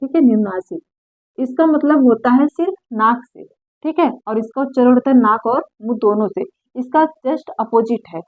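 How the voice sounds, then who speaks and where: A woman teaching Hindi grammar for an exam, asking questions and repeating the key terms back slowly. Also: on the high side, no room sound. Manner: slows and drops her voice on key terms. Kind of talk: exam-prep lesson. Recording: dry, phone-like narrow sound.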